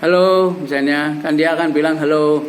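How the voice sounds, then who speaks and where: A man's voice: on the high side, steady tone, normal speed, slight background noise, rough recording. A middle-aged man teaching an English class, coaxing his students with repeated examples and prompting questions. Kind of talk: classroom language lesson.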